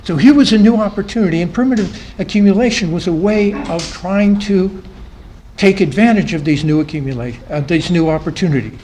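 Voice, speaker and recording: Male panel speaker with a slightly high voice, lecturing a live audience. His phrase endings fade, and he repeats points for emphasis. Faint room noise. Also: fairly quick, warm tone, low-quality recording. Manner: voice drops and trails off at the ends of phrases; emphatic repetition of key phrases. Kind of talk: academic talk to a live audience. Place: conference room.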